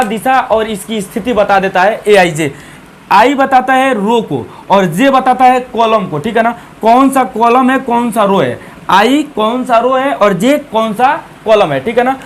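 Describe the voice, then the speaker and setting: Chatty maths teacher, man, high voice, faint room noise behind. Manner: chatty, repeats "ठीक है ना", counts aloud. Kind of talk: casual Hindi classroom lesson.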